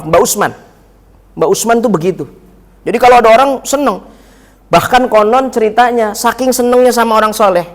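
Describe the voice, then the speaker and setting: A man giving a lively mosque lecture, telling stories, acting out dialogue and joking with the congregation. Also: high voice. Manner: lively storytelling, acts out dialogue, jokes with audience. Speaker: preacher. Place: mosque hall. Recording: reverberant mosque hall.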